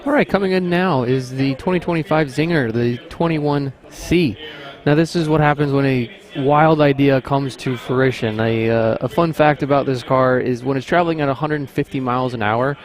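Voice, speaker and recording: A man's voice: mid-range voice, normal speed. A man presenting and describing a lot at a live auction.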